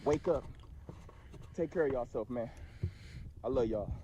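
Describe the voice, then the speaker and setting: A man in a spiritual vlog giving rapid, slangy advice about meditation and self-care, recorded outdoors. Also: mid-range voice. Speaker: vlogger. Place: outdoors after rain. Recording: dull lo-fi clip with loud noise.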